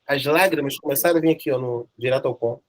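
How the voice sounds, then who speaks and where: A man's voice: medium pitch, quick pace. A man from Brazil, teaching history in a jokey, slangy, dramatic storytelling manner. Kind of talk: lively class storytelling.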